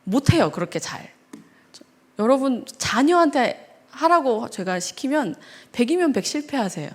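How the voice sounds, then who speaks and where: A woman pastor giving a seminar lecture in a church hall, animated, acting out quoted dialogue and asking the audience questions. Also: sits high, normal speed. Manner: animated, acts out quoted dialogue in changing voices.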